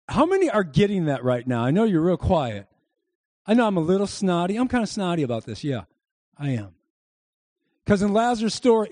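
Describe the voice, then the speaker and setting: At a church service, a male pastor preaches a sermon to his congregation in a high, ringing, mellow voice. He is emphatic and keeps prompting the crowd to respond. The sound is close and dry, with almost no room echo.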